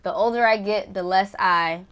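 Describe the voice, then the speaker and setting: A young woman hosting a casual interview, playful and quick to react, swearing casually. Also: mid-range voice, fairly bright tone, clean tone. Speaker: interview host.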